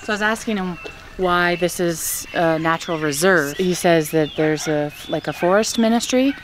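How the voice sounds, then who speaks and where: A middle-aged woman from the United States co-hosts the travel vlog with short, relaxed comments. Her voice sits a bit low for a woman, with faint outdoor noise around. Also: moderate pace.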